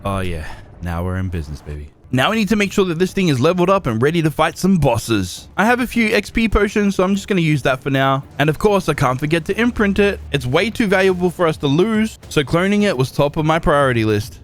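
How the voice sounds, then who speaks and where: Excitable young man narrating gameplay. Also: sits high, quick pace, hardly any pauses. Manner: lively and excitable, with sudden exclamations. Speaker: gaming YouTuber. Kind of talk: narrated gameplay recap with live reactions.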